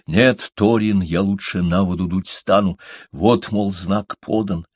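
A man's voice: low-pitched, fairly even intonation, measured pace, no room sound. A man voicing a thoughtful, earnest male hobbit who explains things carefully.

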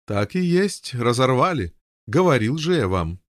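A man's voice: mid-range voice, very animated, a little slow, dry recording. Eager scheming knight, lifted a little above the reader's voice, dry close sound, from a male reader. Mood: bossy. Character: eager, inventive Saracen knight, man. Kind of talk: audiobook character voice.

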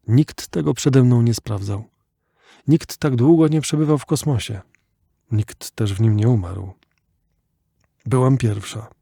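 Guy narrating an audiobook, quiet measured reading, mellow voice, dry close sound. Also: medium pitch, gravelly, dry recording. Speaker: audiobook reader.

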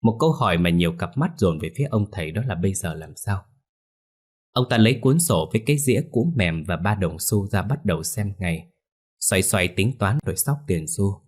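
A man with a husky, fairly low voice telling a ghost story. He keeps an even, steady narrating pace. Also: fairly quick.

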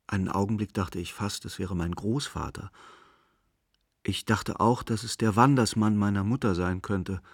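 A man narrating a radio drama in a slow, measured, melancholic manner. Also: on the low side, husky, dry recording, studio quality. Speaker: narrator and main character.

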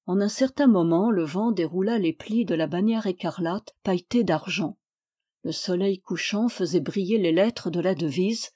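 A woman reading a historical novel aloud in steady, clear narration. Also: mid-range voice. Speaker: audiobook reader.

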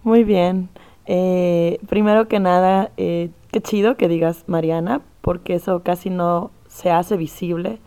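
A woman's voice: on the low side, steady tone, a little slow, warm tone, clean tone. A young woman with a Mexican accent, a performance artist speaking thoughtfully and at length in an interview. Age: young adult. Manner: thoughtful, earnest, explains at length. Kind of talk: conversational interview.

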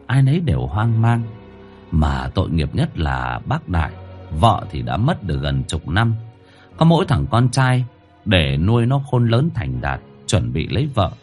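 A man narrating a dramatic story in an expressive, emotional way. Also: fairly low pitch.

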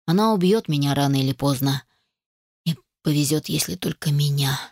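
A woman doing a hoarse, weary young man. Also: moderate pace, a little mellow, no echo, clean studio sound. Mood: grave, tender. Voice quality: hoarse, low. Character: young male mage, dying, bitter yet tender.

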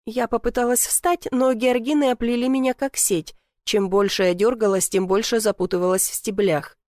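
A woman reads a first-person story aloud with expressive, wry delivery. Her voice is on the high side and the sound is close and dry, with no room around it. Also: normal speed, no echo. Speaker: audiobook reader. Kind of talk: first-person audiobook narration.

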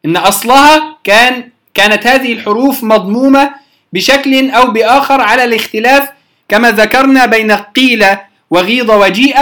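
A teacher works through a recorded lesson on word forms, checking in with the listeners again and again. The voice sits at a middle pitch and slows right down to spell out each word sound by sound. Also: a bit bright. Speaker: teacher of Quranic readings.

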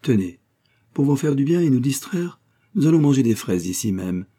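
A man voicing a gentle, wistful young noble lady in an audiobook, with soft, earnest courtly speech. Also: mid-range voice, sing-song, normal speed, breathy edge, voice pushed up. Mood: tender. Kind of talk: audiobook character voice.

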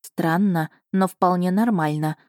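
A woman's voice: lowish voice, measured pace, darkish tone, no room sound, clean studio sound, natural voice. Woman voicing a wry, wary young heroine. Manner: skeptical, wry questioning. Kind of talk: audiobook character voicing.

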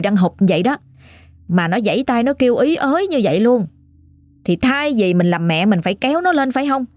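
Speaking at a medium pitch with a slightly mellow sound and no room acoustics, this Southern Vietnamese-accented woman relays a listener's ghost story. She's chatty and exclamatory, filling her casual storytelling with frequent fillers.

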